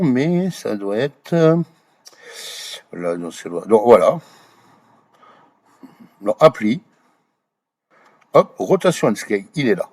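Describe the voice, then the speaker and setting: A man walking viewers through software settings in a screen-recorded tutorial, hesitant, full of fillers and restarts, often checking in with the viewer. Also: mid-range voice, breathy edge. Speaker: Blender tutorial creator.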